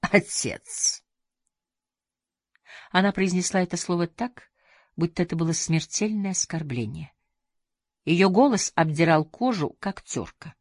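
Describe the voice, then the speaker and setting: A woman narrates a novel in a measured, even reading. Her voice is low for a woman and sounds dry and close to the mic. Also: no echo. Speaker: audiobook reader. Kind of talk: scripted narration.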